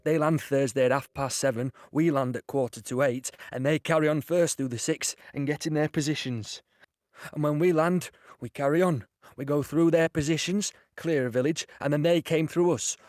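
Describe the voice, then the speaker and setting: A young infantry soldier, voiced by a man, speaks firmly and plainly in a slightly raised pitch. The recording is dry and close, in the manner of a studio audio drama. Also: normal speed, a little mellow, no echo, lightly acted. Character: young British infantry soldier, matter-of-fact.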